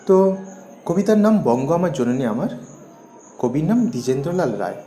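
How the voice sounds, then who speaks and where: A man's voice: a little high, very animated, moderate pace, warm tone, roomy sound, slight background noise. A man teaching a poem line by line, asking questions and answering them himself. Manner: asks and answers his own questions.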